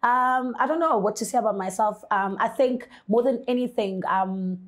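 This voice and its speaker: A woman's voice: on the high side, moderate pace. A young woman from the Eastern Cape of South Africa, a guest influencer talking casually, full of "you know" and "like". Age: young adult. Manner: casual, relaxed, lots of fillers like "you know". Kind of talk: studio interview. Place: bright studio set.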